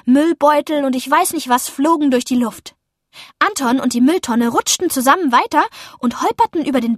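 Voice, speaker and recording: A woman reads a children's story aloud in the first person, lively and expressive. Her voice sits high, and the close recording sounds dry, with no room around it. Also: no echo. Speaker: narrator. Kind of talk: audiobook narration of a children's story.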